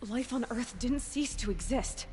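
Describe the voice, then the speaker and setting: A woman's voice: on the high side, measured pace, lightly acted. A woman playing a determined young hunter, murmuring. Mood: musing. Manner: thoughtful, murmuring to herself. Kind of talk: game voice acting. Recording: distant game audio with ambient noise.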